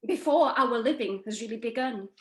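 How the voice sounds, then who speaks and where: A woman's voice: fairly high pitch, normal speed, close to an everyday voice. A woman playing a weary, plaintive wife trapped in her role, in a dramatic play reading with an echoing sound. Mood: resigned, bitter. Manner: plaintive, sighing.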